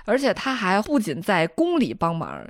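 A woman hosting a podcast, retelling a TV drama's plot in a casual, lively way and acting out the characters' lines with a northern style lilt. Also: mid-range voice, moderate pace, no echo, studio quality. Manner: animated storyteller, acting out dialogue lines. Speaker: podcast host.

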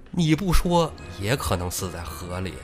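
A man's voice: expressive, a little fast, a bit bright, faint music behind, lightly acted. A man voicing a sly, menacing middle-aged boatman in a comic storytelling podcast, drawling and mocking. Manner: drawling, mocking, low-voiced.

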